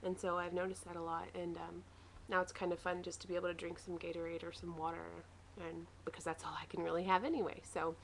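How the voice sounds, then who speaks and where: A woman with a slightly low voice records a casual video diary at home. She rambles along in a matter-of-fact way, as a vlogger would. There is light noise in the recording. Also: level tone, fast talker, hardly any pauses, rough recording. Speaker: vlogger sharing a weight-loss surgery recovery diary.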